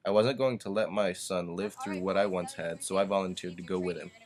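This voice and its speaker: A man's voice: low voice, fairly even intonation, a little fast, close to an everyday voice. A man playing a weary soldier father, narrating his war story from a script. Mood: somber. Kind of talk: scripted first-person narration. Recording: clear background noise behind narration.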